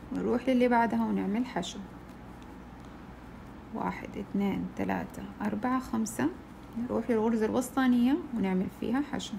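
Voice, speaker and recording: A woman's voice: a little high, vocal fry, background noise. A woman teaching a crochet shawl step by step, patiently counting stitches aloud. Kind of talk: step-by-step tutorial.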